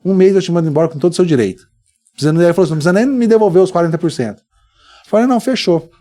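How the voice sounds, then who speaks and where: Fast-talking Brazilian man telling stories. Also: high-pitched. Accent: Brazilian Portuguese. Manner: animated, acts out dialogue in his stories. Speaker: guest. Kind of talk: storytelling in a casual podcast interview.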